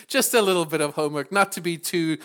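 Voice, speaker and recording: A man's voice: a little high, fast, a bit bright. Upbeat male podcast host. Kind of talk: podcast interview.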